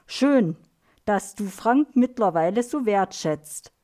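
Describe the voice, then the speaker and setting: A woman voicing a calm, fair female carer who speaks gently and soothingly in a storybook. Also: mid-range voice, slow. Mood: gentle.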